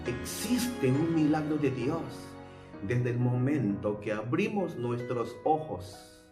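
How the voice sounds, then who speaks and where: Man, preacher, sermon, emphatic, rhetorical questions, unhurried, echoey room, faint music. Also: on the high side, darkish tone.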